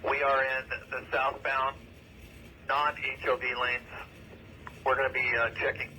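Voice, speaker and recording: A firefighter on an emergency two-way radio, giving steady, clipped scene reports with short pauses. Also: male voice, medium pitch, a little hiss or hum, rough recording. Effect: two-way emergency radio transmission. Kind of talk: terse radio dispatch report.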